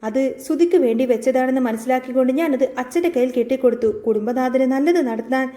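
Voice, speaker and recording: Storybook retelling: a mocking young son, read in a woman's high voice. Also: fast talker, warm tone, close to an everyday voice. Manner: offhand, needling.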